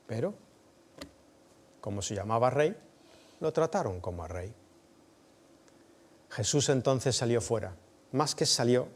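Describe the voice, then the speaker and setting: A man's voice: mid-range voice, darkish tone. A man, preaching a sermon as a vivid, dramatic retelling.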